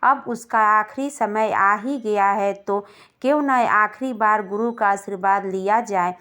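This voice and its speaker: A woman's voice: mid-range voice, measured pace, fairly bright tone, lightly acted. A woman voicing an earnest, respectful young male pupil speaking to his guru in a storybook tale. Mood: resigned, respectful. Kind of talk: storybook narration dialogue.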